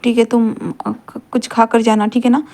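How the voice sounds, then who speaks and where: A woman voicing a withdrawn, depressed young man who talks softly and hesitantly, repeating himself. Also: a little high, flat delivery, moderate pace, close to an everyday voice. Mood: weary.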